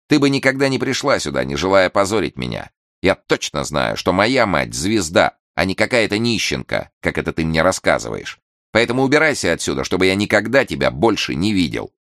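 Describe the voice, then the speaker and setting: A man's voice: low-pitched, lively intonation, moderate pace, dry recording, studio quality, voice pushed up. A man voicing a proud young boy with a harsh, scornful way of speaking in a storybook tale.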